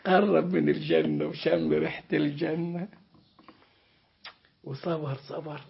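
A man with an Egyptian accent telling a sermon story in a dramatic, animated way. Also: a little high, unhurried, creaky, muffled recording. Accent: Egyptian Arabic. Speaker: preacher.

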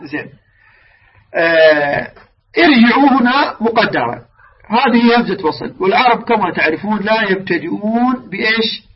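A man teaching the rules of Quran recitation, stretching example words out slowly and asking his listeners questions he answers himself. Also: sits high, animated. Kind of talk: religious lesson on recitation rules. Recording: distant, dull lo-fi mic with faint noise.

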